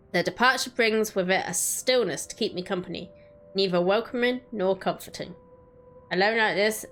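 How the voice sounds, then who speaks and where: A woman streamer reading a story aloud in a dramatic narrating style. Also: lowish voice. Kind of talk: dramatic story narration with casual chat asides. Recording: background music under the voice. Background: quiet music.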